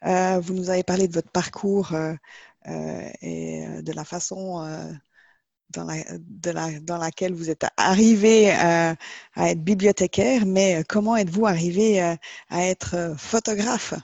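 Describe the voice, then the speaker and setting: A woman from Switzerland interviewing a guest for a podcast, polite and pausing often with fillers. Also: lowish voice, steady tone, vocal fry, darkish tone, no echo, muffled recording. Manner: polite, many filler pauses.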